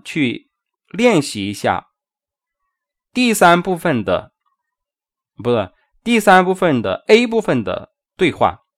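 A man teaching an English lesson, patiently repeating words and asking his listeners rhetorical questions. His pitch moves a lot, jumping up to stress a word and then trailing off quietly at the end of a phrase. The recording is dry and close, with no room sound. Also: no room sound. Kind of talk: explaining English sentence stress in Mandarin.

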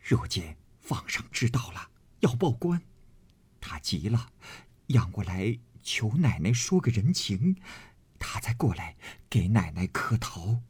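A man voicing a humble servant messenger who begs a favor in a hushed, deferential way. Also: fairly low pitch, big pitch swings, a little slow, breathy edge, no echo, exaggerated voice. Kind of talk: storytelling reading of a classic novel.

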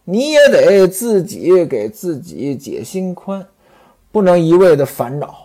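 A storyteller voicing a gentle young woman who coaxes a grieving friend to stop crying. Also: mid-range voice, sing-song, unhurried. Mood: coaxing. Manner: coaxing, soft.

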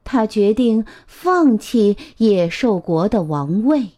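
A woman storyteller reading a picture book aloud to children, gentle and expressive. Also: mid-range voice. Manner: gentle, expressive, drawn-out phrasing.

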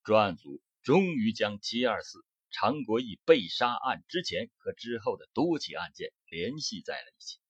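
A man reading a scripted true-crime account in a measured storytelling cadence that rises for emphasis. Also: on the low side, big pitch swings, a bit bright, breathy edge, dry recording. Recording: dull close-miked dry audio.

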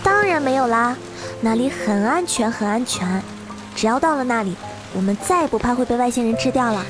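A woman's voice: fairly high pitch, expressive, a little fast, lightly acted. A woman voicing a protective older sister girl who soothes her sibling, stammers when unsure and often turns tearful, over background music. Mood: storytelling softly. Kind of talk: amateur audio drama.

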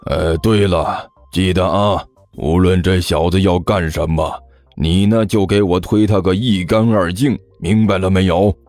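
A man's voice: low-pitched, fairly even intonation, measured pace, a little mellow, no room sound, soft background music, pitched below the performer's own voice. A man putting on a grumpy older master. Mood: irritable. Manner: gruff, irritable, scolding.

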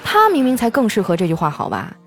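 A woman full of delivers a scripted comic monologue. She tells her stories in an animated way. Faint music plays underneath her voice. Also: medium pitch, fast talker, gravelly. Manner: animated storytelling, acting out quoted lines in raised voices. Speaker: comedy radio host.

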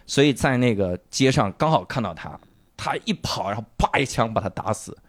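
A man casually retelling a drama's plot on a chat show, acting out the characters' lines and bursting into loud swearing at the emotional moments. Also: mid-range voice, a little fast, no echo. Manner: animated storytelling, acts out lines with loud swearing outbursts. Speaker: podcast co-host.

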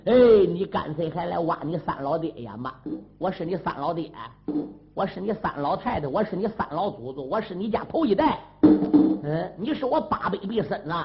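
A man's voice: high-pitched, expressive, normal speed, muffled recording, music in the background. A man doing a defiant taunting one-eyed hero. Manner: taunting, insulting loudly.

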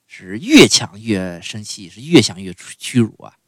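A male storyteller with a low voice that swings widely as he tells a comic folk tale. He chats with his listeners and keeps tossing in asides. The sound is dry and close. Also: sing-song, moderate pace, fairly bright tone, no echo. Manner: chatty, lots of "哎" and "对吧" asides.

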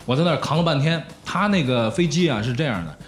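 A man hosting a casual football chat, telling stories in an animated way with laughing asides. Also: fairly high pitch, fast talker, soft background music.

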